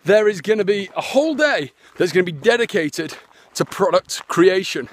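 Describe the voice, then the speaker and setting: An internet marketer live-streams a walking vlog on his phone as he walks his land outdoors, rambling with lots of fillers and restarts. He speaks at a moderate pace in a high-pitched, expressive voice.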